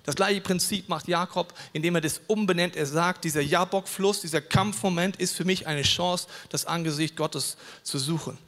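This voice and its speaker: A man's voice: high voice, moderate pace, hardly any pauses, fairly bright tone, long reverb tail. A man preaching an earnest, personal sermon to his congregation as pastor.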